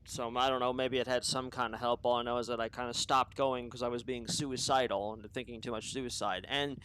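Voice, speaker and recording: With a medium pitch and fairly even intonation, the man speaks a little fast against background noise. He hosts an unscripted opinion podcast, and his monologue is rambling and profane, riddled with restarts, tangents and self-interruptions.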